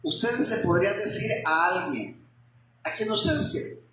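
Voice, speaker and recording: A man preaching an expository sermon to his congregation in a church hall, often pausing to ask them rhetorical questions. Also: high voice, big pitch swings, bright, forceful tone, a little hiss or hum. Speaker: pastor. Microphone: handheld microphone.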